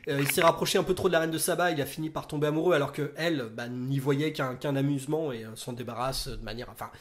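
A man's voice: mid-range voice, steady tone, fast. A man in his thirties talking casually about films as a critic, hesitant, with many fillers and restarts. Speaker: film critic. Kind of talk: casual film discussion.

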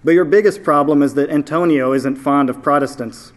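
A kindly soldier, read by a man in a calm, near-natural voice. He speaks gently and sounds apologetic. The reading is plain and warm in manner. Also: a little high, brisk, close to an everyday voice. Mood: gentle.

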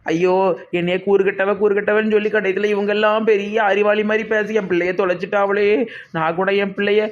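A man voicing a distraught young mother in an animated comedy, with a Tirunelveli Tamil accent, sobbing and lamenting. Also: high-pitched, a little fast, natural voice. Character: distraught young mother who lost her baby. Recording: dull lo-fi recording.

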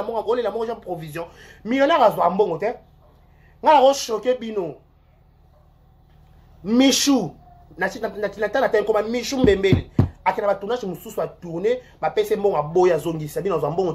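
Gossip commentary comes from an online show host with a Congolese accent and a mid-range voice. It's rambling and animated, with repeated words and swings between loud outbursts and muttering.

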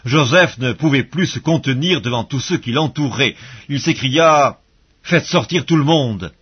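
A man reading scripture aloud in a measured, solemn way, pausing between phrases. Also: mid-range voice, slightly rough. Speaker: Bible reader. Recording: dull lo-fi audio recording.

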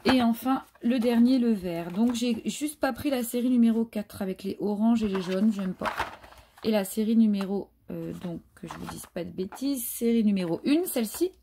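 A woman's voice: on the high side, normal speed, creaky, dark tone, slight background noise. A woman chatting casually through a craft haul, hesitant and full of fillers. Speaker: craft vlogger. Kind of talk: casual haul show-and-tell.

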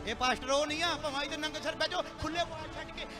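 Male pastor, high-voiced, preaching call-and-response over live music. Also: steady tone, racing. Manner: scolding, rhetorical questions to the congregation. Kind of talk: Punjabi sermon with call-and-response. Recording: live church PA with music and crowd.

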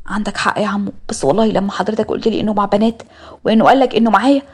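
Woman putting on a hurt egyptian teen girl, whiny high voice, breathy, rushed. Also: close to an everyday voice. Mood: upset, pleading. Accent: Egyptian Arabic. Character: teenage girl, tearful and hurt.

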